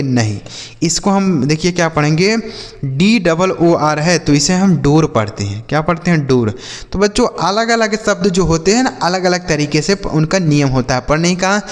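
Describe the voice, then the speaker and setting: A man's voice: on the high side, big-room sound. A man teaching children to read, patiently asking questions and answering them himself. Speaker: English teacher. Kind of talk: YouTube reading lesson for children.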